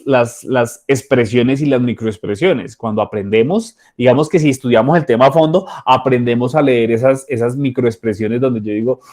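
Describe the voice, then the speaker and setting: A man's voice: mid-range voice, darkish tone. Man, coach, training lecture, conversational, acts out little dialogues. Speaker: soft skills coach.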